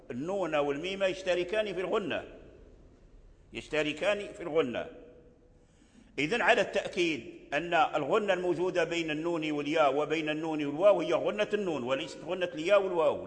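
An older man from Morocco teaching Quran recitation rules. He explains patiently, repeats key phrases and chants short examples. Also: on the high side. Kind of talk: religious lesson on tajweed. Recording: long hall reverb.

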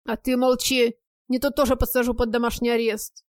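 A woman reading an audiobook, voicing an angry, jealous husband who barks orders and shouts. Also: high voice, expressive, a little slow, no echo, clean studio sound. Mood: furious.

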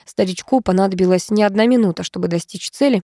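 Woman narrating, mellow and dry. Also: mid-range voice, fast, no room sound. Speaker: audiobook narrator. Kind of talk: scripted narration.

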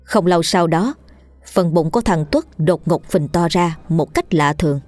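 A woman with a low voice reads a horror tale in a steady, measured way. The recording is dry and close, with soft background music. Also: dry recording. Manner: steady storytelling. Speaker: narrator. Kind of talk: scripted horror story narration.

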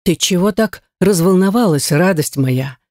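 A woman voicing a smug, domineering male rector who teases in a low, mocking drawl. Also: animated, moderate pace, mellow, no room sound, studio quality. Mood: teasing.

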